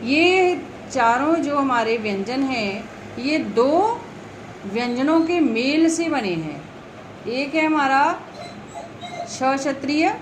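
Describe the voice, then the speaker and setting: Slow, patient woman teaching children. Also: high-pitched, a little hiss or hum, rough recording. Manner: slow, patient, repeats letters and example words. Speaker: primary school teacher. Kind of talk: explaining Hindi grammar to young children.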